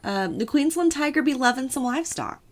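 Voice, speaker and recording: A woman's voice: high-pitched, lively intonation, brisk. A woman co-hosting a casual podcast, telling a story with playful asides and a chatty manner. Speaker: podcast co-host.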